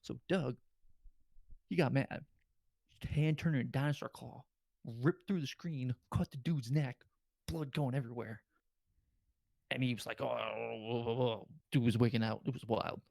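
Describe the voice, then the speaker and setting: A man's voice: mid-range voice, moderate pace, vocal fry, long pauses, darkish tone, no room sound. A man hosting a podcast, rambling through a casual movie recap with loads of filler words. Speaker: podcast host.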